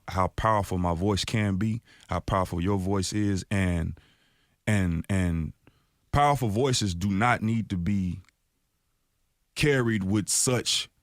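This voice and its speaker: A man from Oak Cliff in Dallas, Texas, a rapper visiting a radio studio, speaks at a fairly low pitch and an unhurried pace with no room sound. His freestyle and interview talk is impassioned and animated, and he imitates others in a raised voice.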